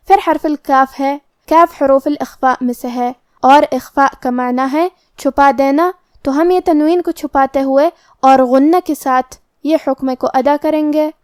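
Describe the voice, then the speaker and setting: Woman with a high voice explaining tajweed slowly and carefully, dry close sound. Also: no room sound. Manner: calm, methodical step-by-step explanation. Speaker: Quran recitation teacher. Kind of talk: explaining tajweed rules in Urdu.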